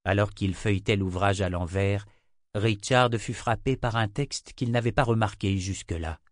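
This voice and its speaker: A man reading a fantasy novel aloud in measured, scripted narration. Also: fairly low pitch, no echo, clean studio sound. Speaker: audiobook narrator.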